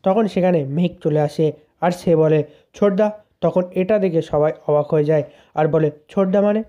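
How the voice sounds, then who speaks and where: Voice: medium pitch, steady tone, normal speed, warm tone. A narrator plainly retelling a serial's episode as a story. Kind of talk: storytelling recap. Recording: dull lo-fi sound.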